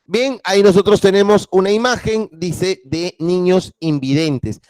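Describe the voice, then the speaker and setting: A male teacher giving a class, asking his students questions and reading a story aloud with lively expression. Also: sits high, a little slow, clean tone, no room sound. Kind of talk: online class lecture with read-aloud.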